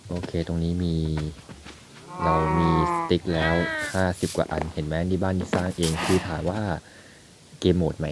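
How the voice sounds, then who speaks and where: Low-voiced young man narrating his game. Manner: chatty, thinks aloud while playing. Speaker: gaming YouTuber. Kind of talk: casual game commentary. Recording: loud background noise.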